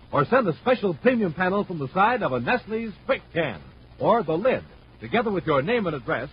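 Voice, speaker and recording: Heavily acted in a high-pitched, husky voice, this hearty, emphatic 1950s-style American radio announcer enthusiastically sells space toys for boys through scripted pitch and narration. It's a muffled, noisy vintage recording.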